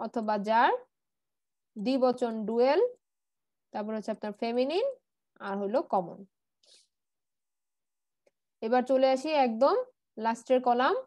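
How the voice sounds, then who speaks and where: A woman's voice: a little high, darkish tone, no echo. A woman teaching an Arabic grammar class online, patiently repeating word forms and answering her own questions, with English words mixed in.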